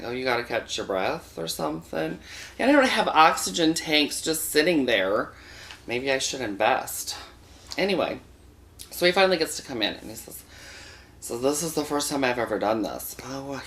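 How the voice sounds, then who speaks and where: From a studio, a male host of a comic storytelling show tells a bawdy tale in a campy, sassy style, calling his viewers boys and girls. His voice is medium in pitch with a fairly bright tone.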